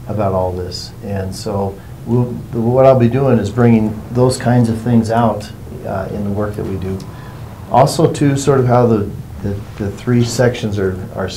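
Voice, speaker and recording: A man with a fairly low, very mellow and relaxed voice talks as a workshop facilitator. He explains informally and takes his time, wandering from point to point. There is some background noise in the room. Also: rough recording. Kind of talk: informal explanatory talk to a group.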